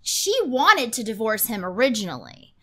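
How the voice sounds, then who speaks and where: Woman in her thirties, fairly high voice, eager movie chat, home studio desk mic. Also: big pitch swings, fairly bright tone. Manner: eager, agreeing, quick to chime in. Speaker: podcast co-host. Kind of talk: casual film discussion. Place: small home studio room. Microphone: desk microphone.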